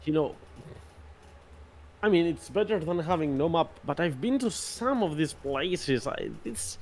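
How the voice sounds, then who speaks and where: A man's voice: on the high side, animated, unhurried, a little mellow, slight background noise. A man voicing a blunt, exasperated ship captain in a tabletop game. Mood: gruff.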